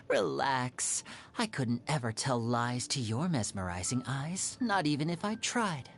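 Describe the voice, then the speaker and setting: Lively, playful young magician Lyney. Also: female voice, medium pitch. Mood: teasing, confiding. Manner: theatrical, teasing, smooth showman. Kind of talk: video game character voice lines.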